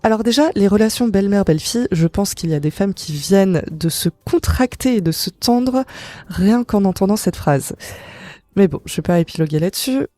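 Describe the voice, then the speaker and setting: Female podcast host, warm-toned and conversational, playful asides, dry close sound. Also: mid-range voice, animated, normal speed, dry recording. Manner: chatty and explanatory, with playful asides. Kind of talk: casual psychology podcast monologue.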